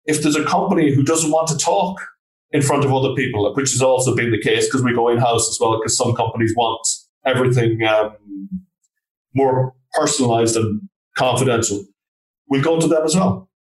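A man's voice: medium pitch, moderate pace, recorded from a distance. A man with a west of Ireland accent giving informal, plain-worded answers as an interview guest, in a conversational style. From Galway, Ireland. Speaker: trainer and consultant, interview guest. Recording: roomy, echoing sound.

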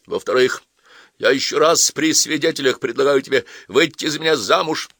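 A man's voice: medium pitch, moderate pace, fairly bright tone, no echo, voice pushed up. A man voicing a stern, earnest young man speaking formally.

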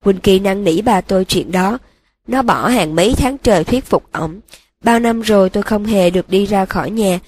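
A broken young male dark wizard, read by a woman, confesses in a flat, emotionless monotone. The voice sounds husky and breathy. He sits at a middle pitch in a storybook audiobook. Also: moderate pace, lightly acted. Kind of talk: audiobook reading.

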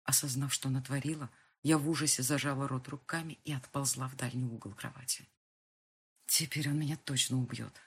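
Husky woman narrating an audiobook. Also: extremely low pitch, steady tone, fairly quick. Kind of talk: first-person fiction narration.

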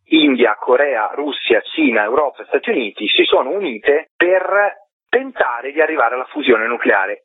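Interviewed by phone as a documentary director, a man explains his subject articulately, in a discursive, reflective way. His voice is a little high and husky, with no room sound, carried over a tinny, narrow-band telephone line.

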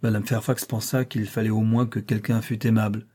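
A man reading a classic novel aloud as an audiobook in a measured, even way. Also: lowish voice, husky. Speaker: audiobook reader. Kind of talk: scripted narration.

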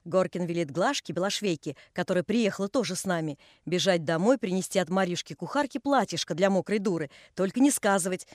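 A woman reading a novel aloud as an audiobook narrator, in an even storytelling manner. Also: lowish voice, a little fast, few pauses, dry recording, studio quality. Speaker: audiobook reader. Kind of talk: scripted narration.

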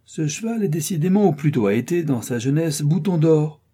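A man reading an audiobook voices a calm, disdainful gentleman with an ironic, unhurried drawl. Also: mid-range voice, natural voice.

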